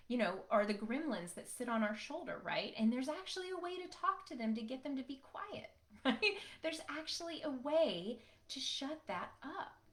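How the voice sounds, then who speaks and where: A woman's voice: on the high side, a bit bright. A middle-aged woman, hosting a podcast and telling her own story in a casual, conversational way, often checking in with "right?". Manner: conversational, frequent "right?" tag questions. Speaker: podcast host.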